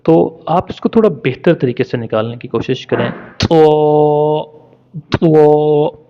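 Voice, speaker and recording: A man's voice: mid-range voice, animated, normal speed, vocal fry. A man teaching Arabic letter pronunciation in a spoken lesson, patiently stretching out each sound for practice. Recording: dull lo-fi recording.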